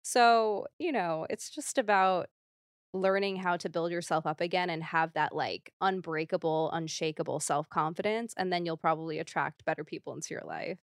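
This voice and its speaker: A young woman guesting on a casual podcast speaks candidly in a lowish voice at a moderate pace, rambling with plenty of fillers and an occasional nervous laugh. The studio sound is clean with no echo.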